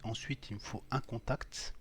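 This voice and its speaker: A man's voice: medium pitch, steady tone, moderate pace. A man teaching electrical wiring, walking through each step on screen as he clicks, with many hesitations and fillers. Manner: thinks aloud while clicking, many fillers. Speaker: electrical instructor. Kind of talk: screen-recorded software tutorial.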